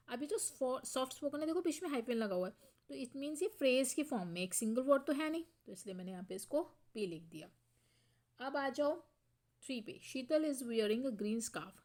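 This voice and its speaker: A woman teaching schoolchildren grammar, explaining step by step and often checking in, reading example sentences slowly. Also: a little high.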